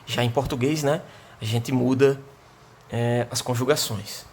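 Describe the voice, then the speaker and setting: A man's voice: medium pitch, fairly even intonation, measured pace. A male teacher from Brazil with a Northeastern Brazilian accent, giving a remote lesson and explaining step by step, often checking in with the class. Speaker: English teacher.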